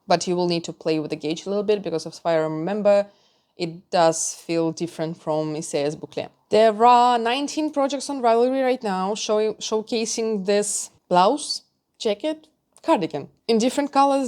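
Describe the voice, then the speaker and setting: A woman's voice: mid-range voice, a little mellow. Chatty woman reviewing knitting patterns. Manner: chatty, candid, with small laughs and restarts.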